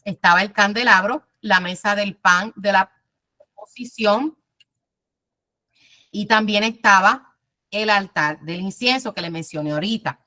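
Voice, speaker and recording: A woman teaching a Bible class in a conversational way, telling personal stories, speaking directly to her listeners and pausing often with "eh". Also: mid-range voice. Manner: warm storytelling, addresses listeners directly, frequent "eh" pauses.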